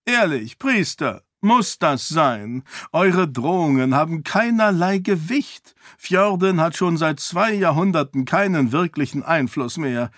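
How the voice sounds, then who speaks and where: A man's voice: fairly high pitch, lively intonation, measured pace, few pauses, a bit bright, dry recording, clean studio sound, voice pushed up. Man voicing a scornful mocking king. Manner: sarcastic, raised and pushing. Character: scornful middle-aged male king, impatient and mocking.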